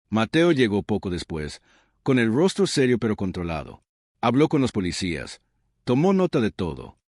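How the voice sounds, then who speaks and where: A man's voice: lowish voice, a little mellow, dry recording, clean studio sound. A man reading a dramatic story as narrator, with suspenseful delivery.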